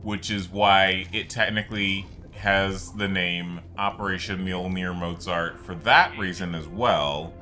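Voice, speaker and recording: Over video game music, a man narrates gameplay for his video in a low, steady, bright and forceful voice, a little slow and with few pauses. He rambles casually, explaining as he goes and dropping in frequent asides.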